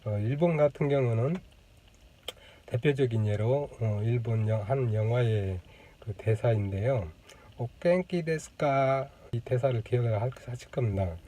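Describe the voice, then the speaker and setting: Guy hosting his channel, talking to camera, very dark mellow voice, lots of "uh" and "um" pauses. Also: medium pitch. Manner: thoughtful, many fillers, demonstrates sounds. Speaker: channel host. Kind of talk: casual explanatory talk to camera. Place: indoors on a lunch break. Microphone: camera mic.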